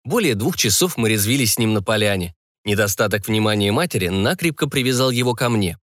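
A man narrating a fantasy audiobook in an expressive storytelling manner. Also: on the low side, a little fast, no echo, studio quality.

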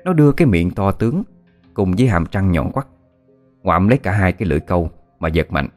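Man, low voice, scripted ghost story narration, steady and even, soft music bed. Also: brisk. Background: faint music.

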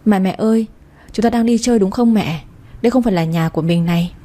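A woman's voice: mid-range voice, quick pace, mellow, lightly acted. A woman voicing a sweet, innocent little boy in a storybook reading, speaking in a childlike, earnest way. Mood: curious.

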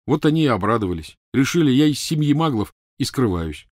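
A man voicing a teenage boy wizard who pleads loudly, blusters and tries clumsy jokes. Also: mid-range voice, very animated, fairly quick, no room sound, studio quality, voice pushed up. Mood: explaining. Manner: loud, pleading, clumsy joking.

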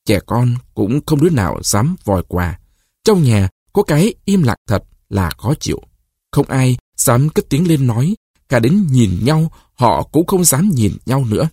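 A male narrator reads a short story aloud, his pitch rising and falling freely as he tells it. His voice is husky, and the recording is close and dry, with no room sound at all. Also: measured pace, no room sound. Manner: expressive storytelling. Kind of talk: audiobook reading of a short story.

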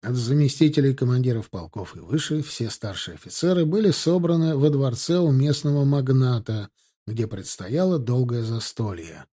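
A male narrator reads historical prose in a steady, measured voice. His tone is warm and mellow, at an average pitch, and he never rushes. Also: breathy edge. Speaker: audiobook narrator. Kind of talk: scripted narration.

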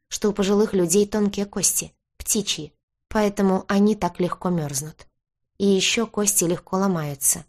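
A woman narrating a first-person novel as an audiobook, in a tense, measured storytelling manner. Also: lowish voice, a little mellow.

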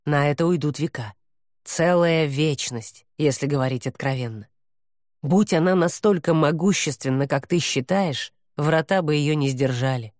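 A woman voicing a proud male demon who talks in a low, growling, contemptuous way, as in an audiobook. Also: moderate pace, a little mellow, no echo, studio quality, close to an everyday voice. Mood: calculating.

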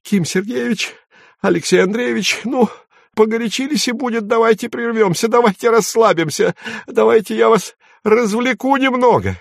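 A man voicing a skinny, anxious old man who pleads and sings in a creaky, high falsetto. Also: moderate pace, no echo, clean studio sound, exaggerated voice. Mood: pleading shrill. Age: older.

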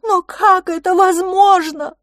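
A woman voicing a desperate, shaggy-browed male giant monster who shouts high and loud as he pleads for help. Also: steady tone, slow, no echo, clean studio sound, exaggerated voice. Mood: desperate pleading.

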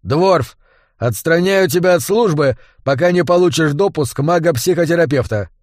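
A man voicing a gruff, commanding male boss who lectures his agents sternly. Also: a little high, normal speed, darkish tone, no room sound, clean studio sound, voice pushed up, close to an everyday voice. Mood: lecturing.

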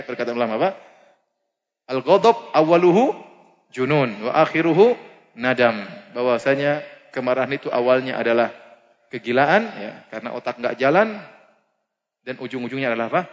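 A man preaching, lively and humorous, often asking the audience questions. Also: medium pitch, fairly quick, pauses often. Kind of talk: Islamic lecture. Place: mosque lecture hall. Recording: muffled lecture recording in a reverberant hall.

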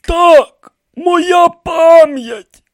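This is an ancient, frail high priest from an audiobook. He wails in a shrill, quavering voice pushed far above a man's range. He drags his words out slowly and half-shouts them, close and dry. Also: dry recording, exaggerated voice. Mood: weary. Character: ancient frail male high priest, seven thousand years old. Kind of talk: audiobook character voice.

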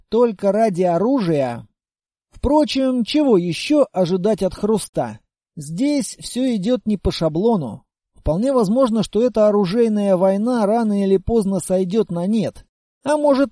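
A man narrating a first-person audiobook in a steady, even-paced reading. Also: high voice, no echo, clean studio sound.

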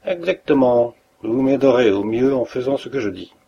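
A man voicing a feverish, imperious dying detective who speaks hoarsely in a curt, commanding tone. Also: mid-range voice, lively intonation, normal speed, mellow, muffled recording, a little hiss or hum. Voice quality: hoarse, gasping.

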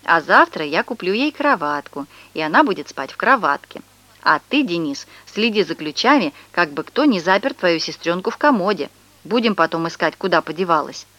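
Женщина за весёлого папу-балагура. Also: female voice, lowish voice, lively intonation, moderate pace, fairly bright tone, no echo. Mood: jovial. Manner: mock announcer tone, playful. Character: jolly playful father, announcer-style jokes.

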